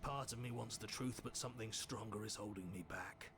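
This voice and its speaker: An actor voicing the worried, pleading inner voice of a hero in a video game. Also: male voice, fairly low pitch, fairly quick, noisy background, close to an everyday voice. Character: anxious male inner voice of the hero.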